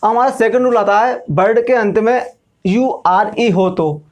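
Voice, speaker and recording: A man's voice: sits high, measured pace, highs cut off. A male English teacher, giving a classroom lesson and explaining step by step, asking questions and then answering them himself.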